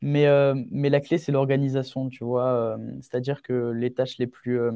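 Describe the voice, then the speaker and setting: In a clear, resonant, dark-toned voice of mid-range pitch, a young man speaks at normal speed with a completely flat delivery. The eighteen-year-old entrepreneur is a podcast guest offering advice through informal interview answers, earnest and emphatic, repeating key phrases; there's no echo.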